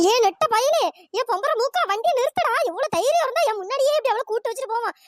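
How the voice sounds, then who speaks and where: A shrill furious jealous wife. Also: animated, very fast, dry recording, clean studio sound. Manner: shrieking, scolding, name-calling. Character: furious jealous wife chasing her cheating husband. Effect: pitch-shifted voice. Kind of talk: cartoon comedy voice acting.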